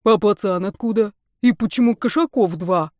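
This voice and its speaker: A woman's voice: mid-range voice, normal speed, a little mellow, dry recording, clean studio sound, natural voice. A woman reading an audiobook, voicing a groggy young man who has just woken up and grumbles in confusion. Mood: puzzled.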